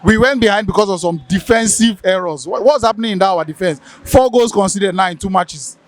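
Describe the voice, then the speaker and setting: High-voiced Nigerian interviewer. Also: male voice, brisk. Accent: Nigerian English. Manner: chatty, echoes the guest's words. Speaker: street interviewer. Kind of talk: street vox pop interview.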